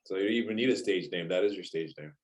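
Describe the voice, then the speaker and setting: A man's voice: low voice, rapid-fire. A man hosting a casual rock interview in an upbeat, chatty way, laughing often. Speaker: interview host.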